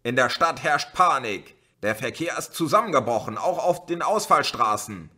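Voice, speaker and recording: A man reading an audiobook, voicing a stern male police officer who shouts orders through a megaphone. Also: mid-range voice, animated, moderate pace, slightly rough, voice pushed up, full character voice. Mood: shouting orders. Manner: shouting commands.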